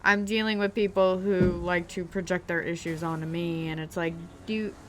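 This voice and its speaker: A young woman with a lowish, steady voice talks at a moderate pace against slight background noise. While she plays a driving game in her bedroom, she tells a self-deprecating personal story, hesitant and full of ums and restarts.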